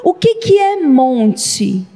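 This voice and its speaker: A woman's voice: high voice, sing-song, very slow, warm tone, in a large hall. A woman from Brazil, a bishop preaching an emphatic sermon and asking the congregation questions. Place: large church hall.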